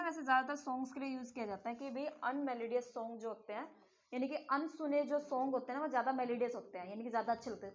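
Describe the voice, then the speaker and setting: A woman teaching a class, lecturing and teasing and scolding her students as she explains. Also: sits high.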